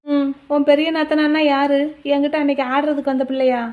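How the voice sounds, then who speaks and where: A woman's voice: sits high, little pitch movement, brisk, a little mellow, close to an everyday voice. A woman voicing a sorrowful young village woman in a cartoon. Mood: curious.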